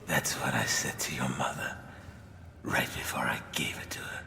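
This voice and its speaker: A man playing a beaten, spiteful young god in a video game cutscene, taunting in a low, menacing voice. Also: fairly even intonation, moderate pace, creaky, in a whisper. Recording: echoey reverb over a music score.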